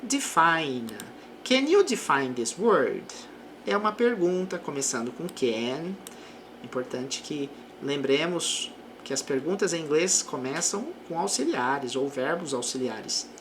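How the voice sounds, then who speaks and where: A woman teaching an English lesson, reading example sentences slowly and then explaining them more quickly. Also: sits low, expressive, noisy background. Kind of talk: language lesson.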